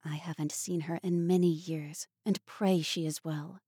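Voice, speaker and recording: A woman's voice: low-pitched, steady tone, measured pace, warm tone, slightly rough, no room sound, studio quality, heavily acted. A woman voicing a proud, earnest young woman who speaks wistfully.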